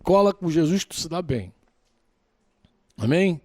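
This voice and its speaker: A man preaching a sermon in a lively, colloquial way, acting out bits of dialogue. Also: fairly high pitch, measured pace, no echo, clean studio sound.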